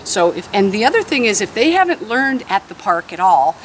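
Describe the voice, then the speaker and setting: A woman's voice: medium pitch, sing-song, fairly quick. A woman dog trainer explaining her training methods step by step, outdoors on grass. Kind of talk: instructional explanation. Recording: outdoor background noise.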